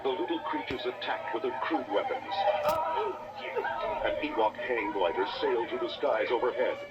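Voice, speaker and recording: In a dramatic, scripted storytelling style, a man narrates a children's read-along adventure at a moderate pace with a mid-range voice. The playback sounds like a muffled, distorted toy cassette, with loud dramatic music behind him.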